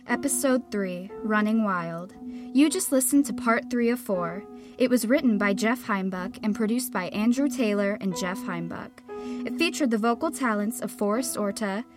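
A woman reading a scripted podcast outro as the credits announcer. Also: a little high.

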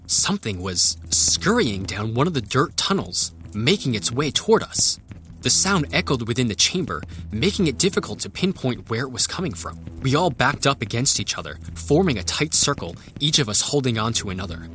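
Male first-person narrator actor for suspense audio drama: earnest adventurer, expressive, medium-pitched. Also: moderate pace. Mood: tense. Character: earnest male adventurer recounting a tense story. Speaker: narrator and lead character.

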